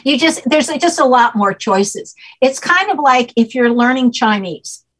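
Her voice sits high and a bit bright, with lively intonation and a slightly slow pace. She's a guest explaining a name system in conversation, going on at length and patiently checking in with "okay?" again and again.

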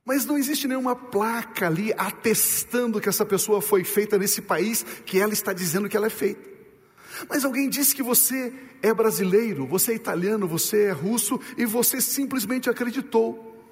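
High-voiced preaching man in a reverberant hall. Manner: emphatic preaching, rhetorical questions, slows and drops to low for stress. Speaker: pastor. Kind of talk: sermon.

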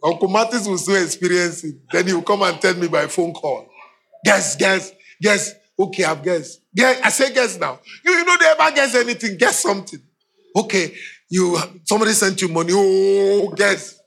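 A man's voice: sits high, lively intonation, a little fast, vocal fry, fairly bright tone. A middle-aged Nigerian man preaching a humorous sermon, laughing often and acting out voices in his stories. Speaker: pastor.

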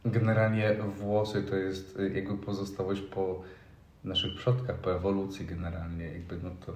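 A man's voice: low-pitched, little pitch movement, moderate pace, darkish tone. Laughing, swearing young man in an echoey room. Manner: swears a lot, laughs, reads forum posts aloud. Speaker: podcast co-host. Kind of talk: casual chat.

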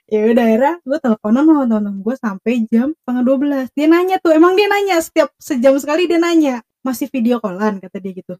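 Chatty high-voiced young woman. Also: quick pace, few pauses, no room sound, studio quality. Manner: animated, quotes herself and others, lots of "gitu". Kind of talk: casual chat.

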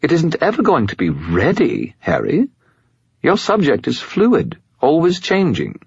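Male narrator doing a high, whiny skull spirit, grumpy, storybook fantasy, slightly muffled. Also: huge pitch swings, a little slow, vocal fry, a little mellow, breathy edge, no echo, exaggerated voice. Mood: lecturing. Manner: whiny, complaining.

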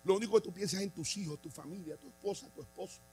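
A man preaching a sermon as a bishop, passionate, moving from hushed storytelling to shouted declarations. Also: high-pitched, rapid-fire, faint music behind, poor audio. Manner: impassioned, swings from quiet to shouting. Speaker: bishop and pastor.

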